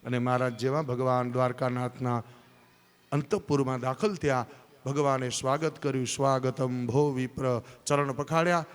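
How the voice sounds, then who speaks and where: A man's voice: mid-range voice, steady tone, moderate pace, clear, resonant tone. A man telling a devotional story to a live audience, addressing listeners directly and slipping into character voices. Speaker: scripture storyteller. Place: large hall at a live religious event. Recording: long hall reverb.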